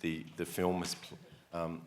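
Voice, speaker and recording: A man's voice: sits low, completely flat delivery, slow pace, slight background noise. An Australian man answering the press as a film director, hesitant and speaking in broken phrases. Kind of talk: unscripted press conference answer.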